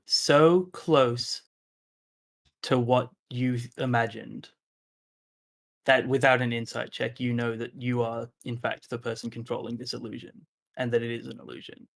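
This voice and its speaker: A man's voice: mid-range voice, little pitch movement, gravelly. Man running a tabletop game. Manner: measured, unhurried narration with filler words. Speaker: game master.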